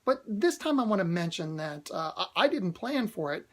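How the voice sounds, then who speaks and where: A man's voice: sits high, very animated, normal speed, a bit bright. Earnest man giving motivational talk. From United States. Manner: earnest, repeats key phrases for emphasis; hesitant restarts with frequent uhs. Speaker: motivational video host.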